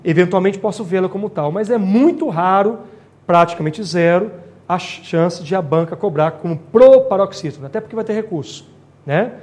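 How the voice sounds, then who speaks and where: Male teacher, high-pitched, patient explainer for an exam-prep class. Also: normal speed, darkish tone. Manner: explanatory, checks in with tag questions. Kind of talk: exam-prep grammar lecture.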